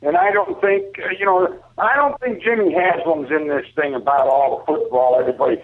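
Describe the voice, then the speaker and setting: Speaking briskly in a slightly high voice, this American man offers loud-opinioned sports takes, colloquial and casual, circling back to repeat his points. The audio is muffled and lo-fi, like radio heard over a phone.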